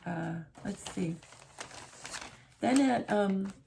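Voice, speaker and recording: There's a little hiss or hum as a middle-aged woman, creaky and warm at a medium pitch, draws out her words while vlogging from her living room armchair. She chats to camera in a rambling, conversational manner, repeatedly restarting and correcting herself.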